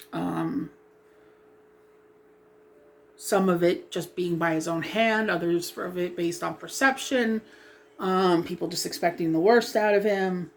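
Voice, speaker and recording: Chatting casually as she does her hair, a woman vlogs about dyeing it in a lowish, creaky voice with a darkish tone. She's sniffly and a bit froggy from a cough that won't go away, and she rambles hesitantly, full of ums and apologies.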